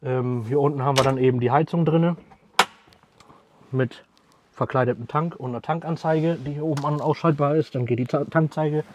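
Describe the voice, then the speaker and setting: A man, explaining the camper cabin he builds in a quick, matter-of-fact way, often adding a questioning "ne?" and letting his sentences trail off quietly. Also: fairly high pitch, fairly even intonation, background noise. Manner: fast, trailing off at sentence ends, frequent tag "ne?". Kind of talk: explaining a product in an interview. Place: inside a small pickup camper cabin.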